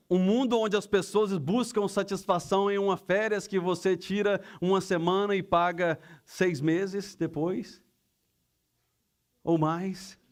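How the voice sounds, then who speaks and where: A middle-aged pastor preaches in a relaxed, conversational way. His voice sits fairly high for a man. He drops into quick acted-out exchanges to make his points. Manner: conversational preaching, acts out everyday dialogues in quick asides. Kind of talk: sermon.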